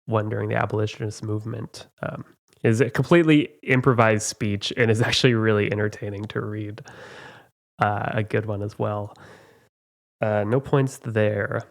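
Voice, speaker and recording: A man's voice: on the low side, fairly even intonation, gravelly. Chatty male trivia host. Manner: chatty, halting, laughs at own mistakes. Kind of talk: casual podcast quiz.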